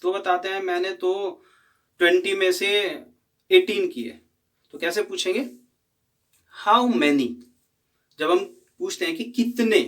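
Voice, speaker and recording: Man, grammar lesson, slow repeated drills, somewhat distant mic. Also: high voice, a bit bright. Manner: repeats example sentences slowly, drilling pronunciation. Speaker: English teacher.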